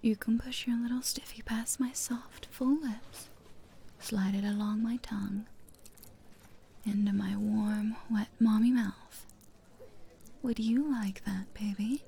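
A woman speaking in a soft, coaxing, teasing whisper close to the mic, as in an intimate audio roleplay. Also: a little high, steady tone, slow pace, creaky, pauses often, husky.

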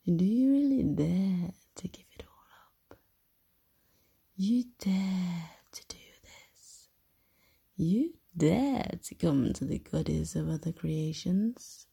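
A woman voicing a seductive, menacing goddess of love and fire in a whispered roleplay, speaking in a slow, teasing hush. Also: lowish voice, animated, exaggerated voice. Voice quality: breathy whisper. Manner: slow, teasing, hushed and intimate.

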